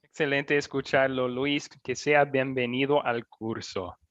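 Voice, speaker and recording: A man's voice: mid-range voice, steady tone, a little slow, a bit bright, no echo, dull audio. A male teacher hosting an online class, calling on students by name in a friendly way.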